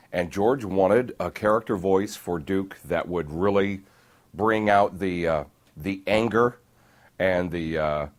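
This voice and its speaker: Man, voice actor, interview, very low voice, amused, relaxed storytelling. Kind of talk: interview recollection.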